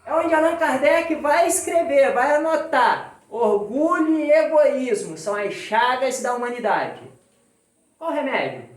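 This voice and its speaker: A woman's voice: sits high, lively intonation, measured pace, echoey room, distant mic. A woman with a Brazilian accent giving a spiritist sermon, putting rhetorical questions to her audience. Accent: Brazilian Portuguese. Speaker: spiritist lecturer. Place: spiritist center hall.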